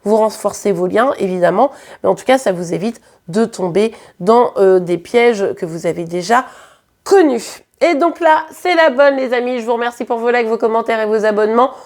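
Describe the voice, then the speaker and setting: A woman's voice: on the high side, normal speed, darkish tone. Chatty woman reading tarot cards. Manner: chatty, conversational, frequent hesitations and repeated words; speaks directly to viewers, frequent tag questions. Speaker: tarot card reader. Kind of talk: casual tarot reading to camera.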